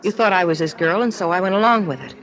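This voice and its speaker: Acting lightly in a 1950s radio drama, a woman plays a stranded, nervous young woman who confesses earnestly, pleading and apologizing. Her voice runs on the low side with a fairly bright tone and a fast pace, but the audio is poor.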